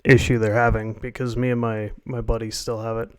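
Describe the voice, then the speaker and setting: A man's voice: mid-range voice, flat delivery, brisk, smooth, no echo. A man hosting a live stream, chatting casually with friends and joking in a laid-back way. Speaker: streamer host.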